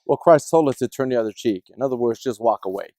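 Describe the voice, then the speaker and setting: A man telling a personal story in casual discussion, animated and acting out the people in it. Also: mid-range voice, fast talker, no room sound. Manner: animated, acts out other people's voices in his stories.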